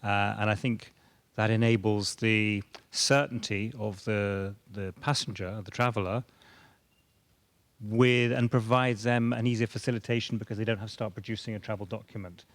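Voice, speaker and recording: A man speaking as a panelist at a conference, measured, sometimes repeating words as he thinks. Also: lowish voice, fairly even intonation, no room sound.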